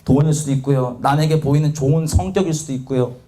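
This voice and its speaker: A young man preaching a sermon, telling his own story in a confessional, animated way and acting out quotes. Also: on the high side, fast talker.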